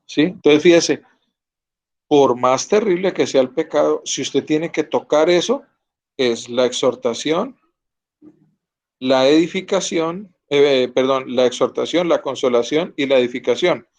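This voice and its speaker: A man's voice: on the high side, a little slow, a little mellow. A man teaching an online Bible class, earnest and often checking that his students follow. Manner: earnest, asks students to confirm.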